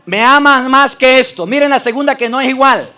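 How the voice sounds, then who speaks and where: Extremely high in pitch, brisk and sharp in tone, a priest's voice drives an emphatic debate argument delivered as preaching. He confronts his opponents directly, repeating scripture phrases to stress his points.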